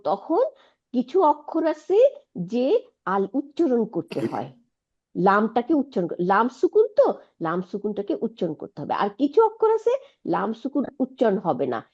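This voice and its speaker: A woman's voice: fairly high pitch, a little mellow, dull audio. A woman teaching an Arabic lesson, patiently explaining and asking her students checking questions. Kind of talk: online Quranic Arabic lesson.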